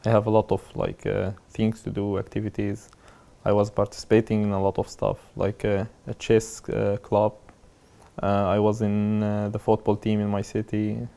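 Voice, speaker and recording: A man, talking haltingly in a documentary interview. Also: on the low side, completely flat delivery, vocal fry, dark tone. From Syria. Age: 20s. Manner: halting, searching for words with many fillers.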